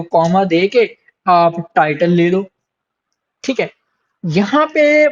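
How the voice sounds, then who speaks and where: A man's voice: high-pitched, dull audio. A man teaching programming in a coding tutorial. He explains step by step, repeats his points, and often stops to check in with the learner. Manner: explanatory, repeats points, frequent "theek hai" check-ins and hesitations. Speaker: programming instructor. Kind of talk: screen-recorded coding tutorial.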